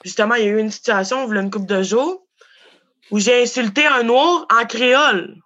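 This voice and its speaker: A woman with a Québécois accent, a guest in a casual interview, talking fast in slang and swearing freely. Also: a little high, pushed and bright, muffled recording. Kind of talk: casual chat.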